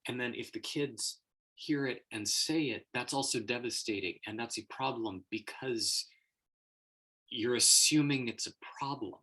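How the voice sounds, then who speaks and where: A man's voice: medium pitch, unhurried, sharp tone, slightly rough, poor audio. A man talking casually as host, explaining an idea at length, laughing often and acting out quoted voices. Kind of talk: casual explanatory livestream talk.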